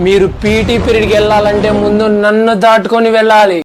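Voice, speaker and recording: Brief: man as stern female maths teacher, scolding, very high-pitched, school comedy skit. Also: little pitch movement, quick pace, close to an everyday voice. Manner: scolding, bossy.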